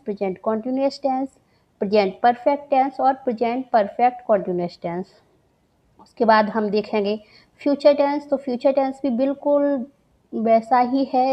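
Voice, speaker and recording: A woman's voice: on the high side, highs cut off. A woman teaching grammar for an exam, patient and repeating each point while mixing English terms into her explanations. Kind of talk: exam-prep grammar lesson.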